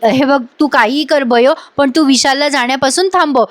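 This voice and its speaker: A woman's voice: high voice, moderate pace, close to an everyday voice. A woman reading the lines of an anxious young woman, urging and pushy.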